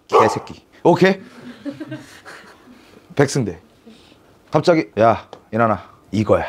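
A man in his forties, an English teacher telling a personal story to his class in an animated, slangy, chatty way. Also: fairly high pitch. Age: 40s. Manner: animated, slangy and chatty, with frequent fillers and rhetorical questions. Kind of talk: storytelling in a lecture.

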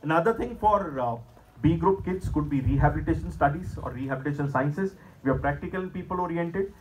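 Male lecturer, middle-aged, Indian accent, slightly high voice, emphatic and measured delivery to students. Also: lively intonation, darkish tone, slight background noise, rough recording. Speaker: presenter at a school career seminar. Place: school hall stage, indoors at a podium.

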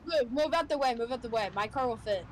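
A woman's voice: fairly high pitch, quick pace, slight background noise, rough recording. A woman co-hosting a gaming video in casual chat, bossy and teasing with playful drama.

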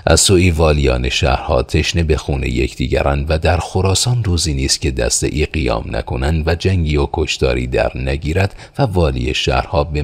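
A man voicing a thoughtful, well-informed young man in an audiobook, explaining things calmly and evenly. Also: rumbling low, creaky, husky, heavily acted. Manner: calm, measured explaining.

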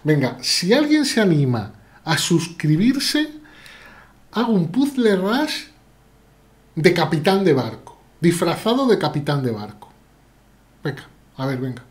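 A man's voice: on the high side, sing-song, measured pace, pauses often, breathy edge. A man with a Spain Spanish accent, chatting playfully as he plays live chess and answers viewers' chat. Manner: chatty, playful, reads chat aloud while playing. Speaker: chess streamer. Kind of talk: live chess stream commentary.

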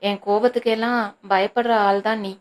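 A woman's voice: medium pitch, steady tone, moderate pace, close to an everyday voice. A woman reading a novel aloud, voicing an angry, protective older brother who scolds his sister sharply.

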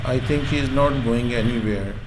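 A man giving slow, matter-of-fact voice-over commentary on video clips. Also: mid-range voice, background noise. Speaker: compilation narrator.

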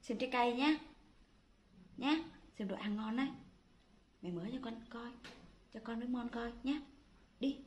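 A woman's voice: fairly high pitch, moderate pace, long pauses, slight background noise. A woman filming her pets, coaxing and affectionate, talking to them like small children. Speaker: pet owner filming her monkeys. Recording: echoey room with faint music.

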